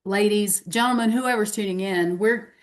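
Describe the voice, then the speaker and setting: A woman with a Southern accent banters as co-host of a casual sports podcast. Her voice sits at an ordinary middle pitch, and she teases and drawls, stretching out her words for fun. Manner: playful, teasing, drawn-out delivery. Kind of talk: casual football chat.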